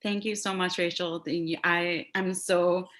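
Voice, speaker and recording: Thankful lady on a call, low steady voice. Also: measured pace. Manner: grateful, warm. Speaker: guest speaker. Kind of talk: casual talk on a video call. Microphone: video call.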